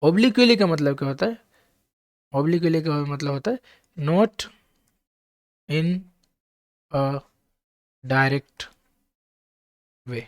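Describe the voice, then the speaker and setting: A man's voice: fairly high pitch, expressive, slow, long pauses, no echo, clean studio sound. A man teaching English vocabulary to exam students, spelling each word out letter by letter and checking in with his listeners.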